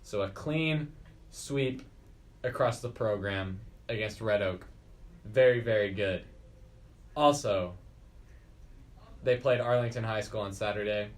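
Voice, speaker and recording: A man's voice: on the low side, takes it slowly, pauses often. A teenage boy co-hosting a casual school podcast, reading sports scores and joking around with his co-host.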